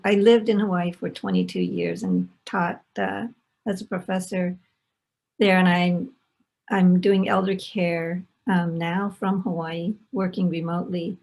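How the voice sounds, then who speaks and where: A woman's voice: lowish voice, measured pace, darkish tone. A woman, around sixty, speaking reflectively on a remote panel, often adding "right?" and repeating words. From Los Angeles, United States. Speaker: panelist, former professor. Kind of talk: panel discussion. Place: home, remote video call.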